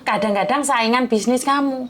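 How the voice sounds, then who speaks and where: A woman host giving motivational advice in a coaxing, rough-spoken way. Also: on the high side, moderate pace. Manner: coaxing, calls listener "sayang", rough-spoken.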